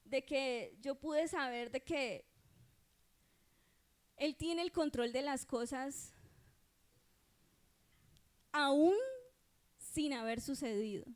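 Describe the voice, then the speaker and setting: Her voice high and her accent Colombian, this woman shares her testimony in a church sermon, speaking earnestly and conversationally and frequently stopping to ask if everyone follows.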